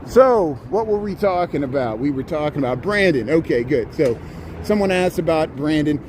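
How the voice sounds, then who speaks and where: Man, slightly high voice, rambling casual livestream chat, halting with repeated words, noisy outdoor riverwalk. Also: lively intonation. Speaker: live streamer. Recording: outdoor livestream with clear city noise.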